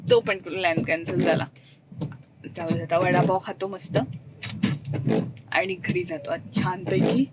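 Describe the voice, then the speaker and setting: A woman's voice: expressive, a little slow, pauses often. A young woman with a Marathi accent, talking casually to the camera in a family vlog, explaining her plans as she goes. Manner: baby talk to a toddler, high sing-song. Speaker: vlogger. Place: outdoors and in a car, rainy coastal day. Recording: phone vlog with clear background noise.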